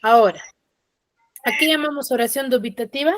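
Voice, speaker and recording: A woman teacher giving an online class, explaining patiently, acting out example sentences with feeling and often tagging on quick checking questions. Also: high-pitched.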